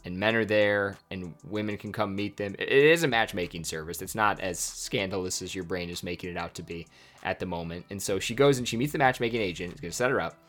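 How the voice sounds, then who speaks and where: A man's voice: deep voice, fast, a bit bright, soft background music. A man hosting a podcast, casually telling a history story with chatty, wry asides. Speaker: podcast host.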